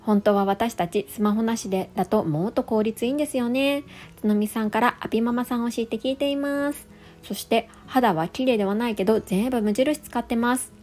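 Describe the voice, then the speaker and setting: A woman in her thirties hosting a casual solo podcast, reading out listener comments in a friendly, chatty way with soft fillers. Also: on the high side, brisk. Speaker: podcast host.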